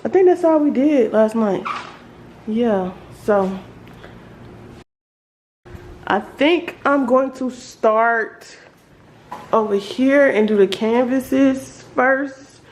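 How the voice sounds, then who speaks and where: Speaking extremely slowly, with long pauses, a woman with a slightly high voice and a Southern American accent rambles through a casual house tour for her home makeover vlog, thinking aloud room by room. It's a noisy handheld home recording, with household ambience clearly audible in the background.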